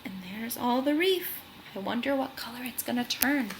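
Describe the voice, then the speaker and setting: Against a noisy background, a woman with a fairly high voice reads a storybook aloud at normal speed, expressively, for young children. Acting as host, she draws her listeners in with gasps and questions aimed at them.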